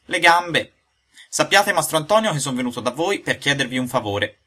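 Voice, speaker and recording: A touchy old woodcarver, as a male narrator puts him on, squeaks high and loud whenever he is crossed. His voice leaps and swoops, bright and a little husky, and he flares up fast. A storybook figure through and through. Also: lively intonation, heavily acted. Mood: eager. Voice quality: shrill, shouting. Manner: high squeaky outbursts, quick to anger.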